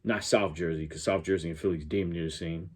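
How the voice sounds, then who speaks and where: A YouTube reaction host from Connecticut, United States, speaks in a deep, steady voice at a brisk pace. His southwestern Connecticut accent sits close to a New York one, and his commentary is casual and opinionated, rambling and stammering as he corrects himself.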